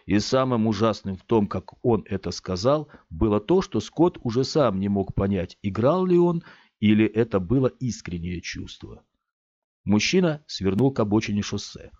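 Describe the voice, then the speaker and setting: A man narrates a story in an expressive reading with a lively, moving pitch. The sound is dry and close, with a slightly muffled, dull quality. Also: normal speed, no echo. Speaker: audiobook reader. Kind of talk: scripted narration.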